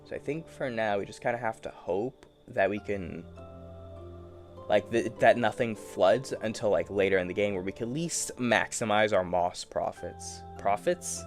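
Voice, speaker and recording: Over faint music, a man with a fairly low voice talks at a moderate pace as he plays a game. The gaming streamer rambles to himself in casual solo commentary, playful and easily amused.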